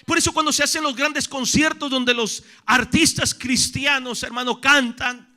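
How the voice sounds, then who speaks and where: A male pastor delivering a sermon in a high, bright voice. He asks rhetorical questions, addresses listeners as brother, and alternates between loud emphatic stretches and low, quiet ones. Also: fairly even intonation, moderate pace.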